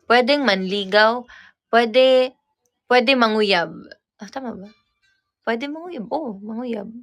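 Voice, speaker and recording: A woman's voice: a little high, slow. A young woman from Cebu with a Cebuano accent, hosting a casual livestream and patiently explaining Bisaya words, often repeating and correcting herself. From Cebu, Philippines. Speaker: livestream host. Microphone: phone or camera mic on a livestream.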